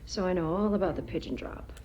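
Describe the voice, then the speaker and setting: A woman's voice: on the low side, fast, darkish tone, lo-fi sound, slight background noise, close to an everyday voice. An actress playing a shrewd, suspicious woman in a TV drama, speaking in a knowing, accusing way. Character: shrewd, suspicious married woman confronting a con man. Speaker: actor in a TV drama. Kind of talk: naturalistic TV drama acting.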